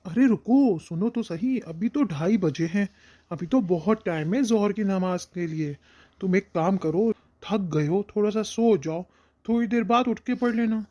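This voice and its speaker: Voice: mid-range voice, normal speed, lightly acted. A performer playing a scheming male devil who chuckles and coaxes a child in a moral short film. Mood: hushed coaxing. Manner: gleeful, chuckling, coaxing.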